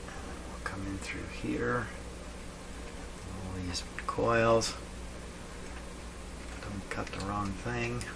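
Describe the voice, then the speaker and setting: Talking extremely slowly and pausing often, a man with a lowish voice and fairly even intonation gives casual commentary as he repairs something by hand. He's a radio repair hobbyist and video host who muses and asks himself questions as he works. The recording picks up a clearly noisy workshop background.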